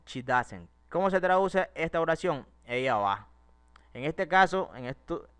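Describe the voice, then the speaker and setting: Walking his students through English grammar step by step, a Spanish-native teacher poses rhetorical questions to the class in a classroom-style lesson. He has a little high, somewhat bright voice with a clear, resonant tone.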